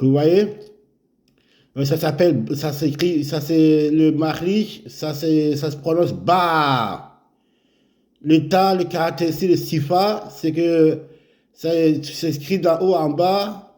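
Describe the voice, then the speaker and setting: A man with a fairly high-pitched, darkish voice gives a slow, step-by-step lesson on Arabic letters. He explains while he writes and repeats each sound many times.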